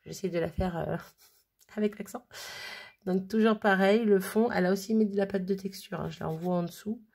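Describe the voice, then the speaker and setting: A woman with a husky, slightly breathy voice talks casually as a crafting vlogger. She gushes about what she shows and often trips over her words. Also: medium pitch, brisk, darkish tone. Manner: gushing, stumbling over words. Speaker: crafting vlogger showing mail she received. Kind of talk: casual chat.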